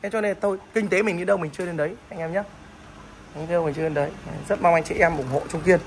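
A man from the north of the country, showing off a motorbike for sale in a casual vlog, with fast salesman patter and short repeated tags. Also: fairly high pitch, fairly even intonation, a little hiss or hum. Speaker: motorbike dealer vlogger.

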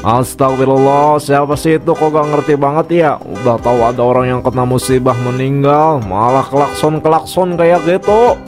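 Man as a composed, devout cartoon cleric, mid-pitched and in charge. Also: moderate pace, over music, close to an everyday voice. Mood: calm. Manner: calm, devout, takes charge. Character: village cleric, calm middle-aged man. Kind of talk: cartoon voice acting.

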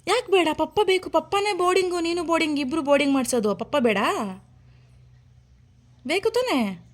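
A young woman with a high, light voice talks with her little son at home. She coaxes and teases him with sing-song questions. Her tone is playful, patient and motherly. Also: expressive, a little fast. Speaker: mother and vlogger. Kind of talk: playful chat with a toddler.

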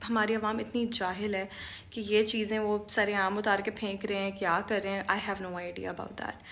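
Young Karachi woman vlogger, fed-up scolding rant, flat delivery, bedroom selfie cam. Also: mid-range voice, moderate pace. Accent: Karachi Urdu, mixing in English. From Pakistan. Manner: indignant, scolding, switches between Urdu and English. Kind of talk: ranting to camera. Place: bedroom indoors. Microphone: camera at arm's length.

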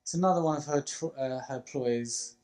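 A man's voice: on the high side, moderate pace, a little mellow, a little hiss or hum, rough recording. A young man streaming a video game as a hunter, chatting casually and muttering wryly to himself as he plays. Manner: wry, muttering to himself while playing. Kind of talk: casual gaming chat.

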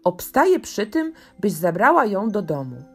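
A woman's voice: on the high side, expressive, takes it slowly, a little mellow. A woman voicing a flustered, timid king who speaks hurriedly and anxiously, in a bedtime storybook reading.

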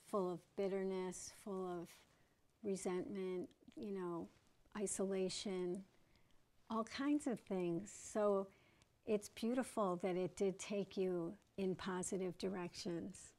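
A woman hosting an interview in a studio, giving soft affirmations and reflective comments. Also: medium pitch. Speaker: host. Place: dark studio set, seated.

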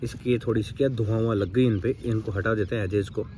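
A man's voice: fairly low pitch, steady tone, quick pace, warm tone, distant mic. A young man casually chatting with friends and explaining each step as he cooks at a farm campsite. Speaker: vlogger cooking at a campsite. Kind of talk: casual cooking chat with friends. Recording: noisy outdoor phone recording.

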